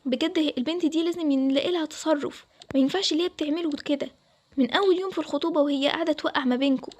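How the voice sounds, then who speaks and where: A woman's voice: high-pitched, very fast, a little mellow, natural voice. A woman voicing a caring mother who comforts her daughter, with an Egyptian accent. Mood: comforting. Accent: Egyptian Arabic.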